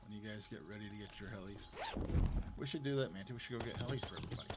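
A man's voice: lowish voice, very fast. A man chatting loosely with his teammates during a co-op survival game, giving tips and sorting gear. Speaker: co-op gaming teammate. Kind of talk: casual gaming chat. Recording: loud background noise over game chat.

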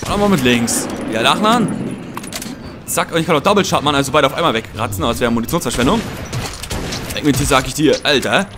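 Excitable man swearing through a game. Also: medium pitch, quick pace, background noise. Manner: excitable, swearing, talks to enemies. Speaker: let's play gamer. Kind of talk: game commentary. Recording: commentary over loud game sound.

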